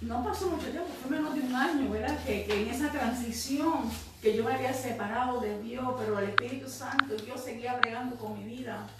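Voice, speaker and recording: A woman's voice: fairly high pitch, brisk, few pauses. A woman giving a spoken religious testimony, fervently breaking into praise and often adding "right?". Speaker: church member giving testimony. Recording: very echoey, distant mic, faint noise.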